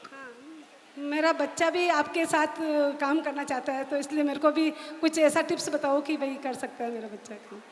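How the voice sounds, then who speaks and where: High-voiced woman, heavy hall echo. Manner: eager, repeats herself, speaks haltingly. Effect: strong echo from the hall's speakers. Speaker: audience member asking a question. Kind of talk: halting question from the floor. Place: large hall at a live seminar. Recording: echoey hall with faint ambient noise.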